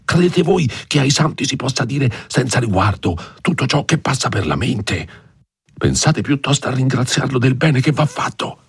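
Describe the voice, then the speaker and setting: A man voicing a frightened, fussy old village priest who scolds in a hushed voice. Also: mid-range voice, big pitch swings, normal speed, breathy edge, dry recording, clean studio sound, voice pushed up, full character voice. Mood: hushed scolding.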